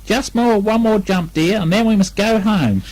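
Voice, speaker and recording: A high, mellow voice for a fussy mother kangaroo in a storybook, put on by a man. She is polite, distracted and gently insistent. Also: moderate pace. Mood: fussy, motherly. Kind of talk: children's storybook character reading.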